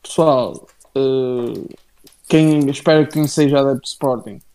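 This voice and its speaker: A man with a European Portuguese accent co-hosting a casual live wrestling chat in a halting, slangy, familiar way. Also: medium pitch, mellow. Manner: halting, slangy, addresses listeners and co-host familiarly. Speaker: wrestling show co-host.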